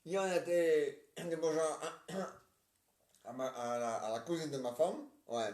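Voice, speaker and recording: Grumbling rambling husband, voiced by a man, high-ish, echoey room. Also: slow pace, darkish tone, recorded from a distance. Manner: rambling, full of "hein" tags. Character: chatty middle-aged husband grumbling about his wife.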